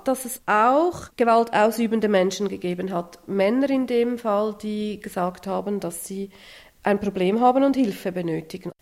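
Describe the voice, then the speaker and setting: A woman's voice: medium pitch, moderate pace, a little mellow. A woman social worker giving thoughtful, explanatory answers in an interview. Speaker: social worker, exhibition maker.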